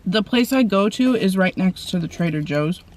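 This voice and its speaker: A woman's voice: mid-range voice, expressive, moderate pace. Woman chatting casually while eating. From Portland, Oregon area. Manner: talks between bites, soft mumbled asides over food. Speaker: mukbang vlogger. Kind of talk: casual eating-show chat.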